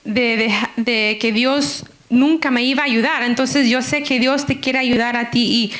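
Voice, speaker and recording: Woman, high voice, sermon, emotional testimony, church. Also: fairly even intonation, a little slow, a bit bright. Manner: emotional, personal testimony with quoted inner speech. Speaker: guest preacher.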